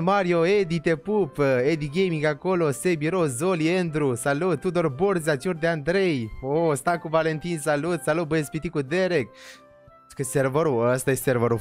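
A young man hosting a casual livestream, energetically greeting viewers by name. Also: fairly high pitch. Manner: energetic, rattles off viewer names; says he talks more quietly than usual. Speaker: livestream host.

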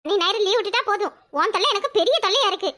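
A woman's voice: extremely high pitch, expressive, rapid-fire, sharp tone, a little hiss or hum, exaggerated voice. A woman voicing an angry mother in a cartoon, nagging and threatening her son. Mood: scolding. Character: angry scolding village mother.

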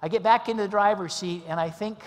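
A middle-aged male pastor preaching a sermon, telling a story in a lively way and acting out the dialogue. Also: high-pitched, fast talker. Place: church sanctuary. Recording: long church hall reverb.

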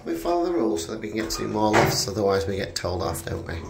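A man filming in a small hotel lift on a handheld phone, gently and patiently explaining things to a child. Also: fairly low pitch, fast talker, creaky. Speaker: vlogger filming lifts. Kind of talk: casual commentary to a child. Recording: steady background noise.

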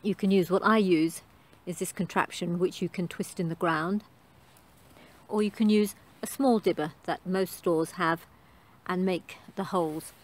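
This gardening vlogger, a middle-aged woman with a slightly low voice, gives casual commentary on her garden in a relaxed, homely, chatty way. Frequent ums fill her pauses. The clip sounds like it was shot outdoors in the garden on a handheld phone camera.

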